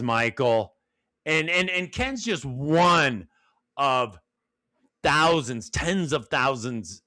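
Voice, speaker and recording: A man's voice: on the high side, sharp tone. A man hosting an interview, eager and enthusiastic, telling stories and acting out the dialogue. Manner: eager, acts out quoted dialogue. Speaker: interviewer host.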